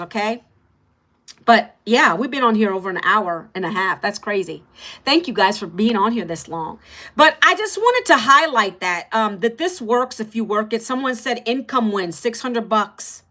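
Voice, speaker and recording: In a laid-back livestream, a middle-aged woman energetically talks up an online course to her viewers, stressing her points. The voice is pushed and bright.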